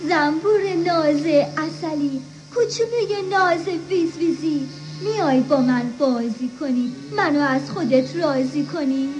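A woman's voice: sits high, few pauses, darkish tone, soft background music, natural voice. A woman voicing a mischievous young boy who pleads with animals in rhyme to play with him. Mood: pleading. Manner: pleading, sing-song rhymes. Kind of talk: children's musical audio story.

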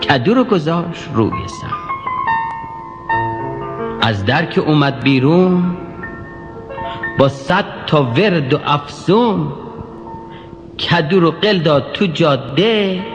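A man narrating a rhymed children's story in an animated, singsong way. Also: fairly high pitch, pauses often. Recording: dull reverberant recording over music.

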